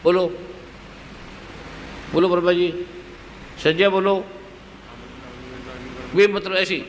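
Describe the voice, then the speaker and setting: A man's voice: sits high, fairly bright tone, long reverb tail, a little hiss or hum. A man who is a spiritual guru, giving guided meditation instructions to an audience in short, repeated commands. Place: large hall at a live gathering.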